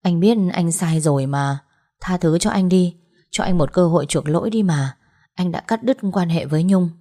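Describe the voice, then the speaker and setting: A remorseful husband begging his wife for another chance, read by a woman in a low voice. He sounds earnest and pleading, his tone soft and mellow. It is an audiobook story. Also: normal speed, close to an everyday voice.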